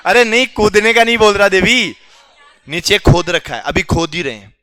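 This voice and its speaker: High bright-voiced man teaching a class. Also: lively intonation, normal speed, smooth, no echo. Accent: Rajasthani Hindi. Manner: quizzing students, teasing and joking.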